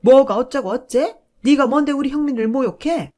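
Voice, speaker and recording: A woman voicing a domineering older mother-in-law who talks in a loud, scornful, bossy way. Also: medium pitch, expressive, moderate pace, close to an everyday voice. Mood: furious.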